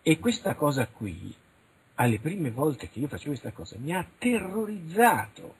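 Middle-aged man, husky and very rough, animated interview guest. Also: on the high side, normal speed, low-quality recording. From Italy. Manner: animated, frank, acts out little dialogues. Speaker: interviewed researcher. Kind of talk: radio interview, casual monologue.

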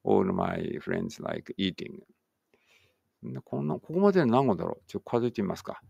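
A man's voice: mid-range voice, big pitch swings, racing, creaky, dark tone, husky, no room sound, muffled recording. A man teaching an online English writing lesson, thinking aloud as he types and chatting encouragingly to students.

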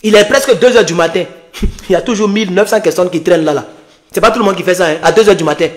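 Speaking fast in a voice that sits high, a man with an Ivorian French accent, an online political activist, rants scornfully and mockingly into his phone during a late-night livestream.

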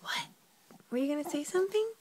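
A woman's voice: sits high, expressive, fast talker, a little mellow, slight background noise. A young woman talking to her baby at home in a sing-song baby-talk voice, filmed on a handheld phone. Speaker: parent filming her baby. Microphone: handheld phone camera.

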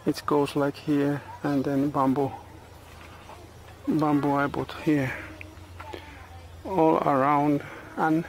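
Non-native guy slowly talking to camera on his farm, gravelly voice, faint outdoor noise in the back. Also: fairly high pitch, little pitch movement. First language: not English. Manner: halting non-native English with many pauses and uh's. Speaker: farm vlogger. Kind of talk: casual vlog narration. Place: outdoors on a tropical farm building site. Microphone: handheld camera selfie and tripod camera.

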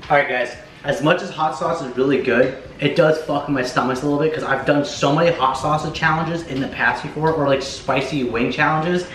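A young American challenge-video host vlogs casually to camera, slangy and quick to swear, in an echoey home kitchen with faint music behind. His fairly high, a bit bright voice has fairly even intonation and runs a little fast with few pauses. A camera mic a few feet away catches slight background noise.

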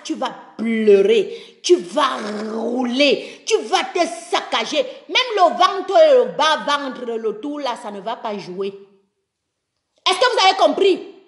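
A woman's voice: high-pitched, reverberant. A woman from Cameroon ranting live about politics, breaking into sung refrains between her tirades. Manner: passionate, sings chant-like refrains between spoken tirades. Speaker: political video commentator. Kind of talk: live video rant with singing.

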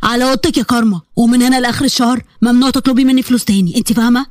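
A woman's voice: a little high, fairly even intonation, very fast, a little mellow, no room sound, studio quality, lightly acted. Woman doing a scolding young Egyptian brother. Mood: exasperated. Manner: exasperated, scolding. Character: young adult man, stern older brother.

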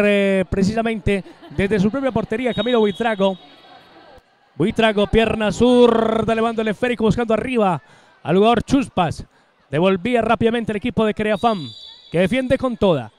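A man calls a live match as the play-by-play announcer, racing through a goal call with long, drawn-out shouts. His voice is high.

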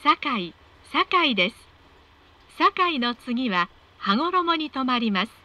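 A woman reading scripted train announcements in a polite, measured, formal way. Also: high-pitched, sing-song, bright, forceful tone.

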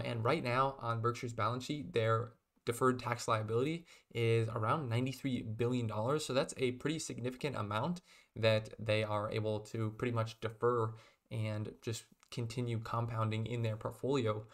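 A young man in his twenties casually explaining investing lessons to his webcam from a small room, with steady delivery and frequent fillers like "um" and "kind of". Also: mid-range voice. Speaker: investing video host.

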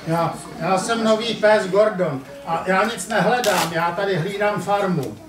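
A man's voice: high voice, pitched above the performer's own voice, natural voice. A man voicing a shy, sad young puppy in a live puppet show. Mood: timid. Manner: shy, eager, hesitant. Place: family centre playroom, live puppet show. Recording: echoey room from far off, audience.

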